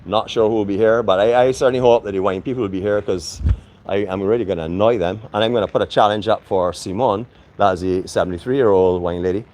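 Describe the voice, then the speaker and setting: A man talks his viewers through a venue as he walks, chatty and friendly, with plenty of fillers. His voice sits a little low. It is picked up by a handheld camera as he moves around under a tent. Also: fast, darkish tone, a little hiss or hum. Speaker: vlogger. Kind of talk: casual walk-through vlog.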